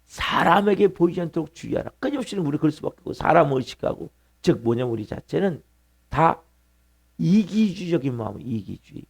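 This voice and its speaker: Gravelly-voiced pastor preaching a sermon. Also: male voice, a little high, very animated, fairly quick. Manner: preaching with emphatic repetition and questions to the congregation. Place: church sanctuary.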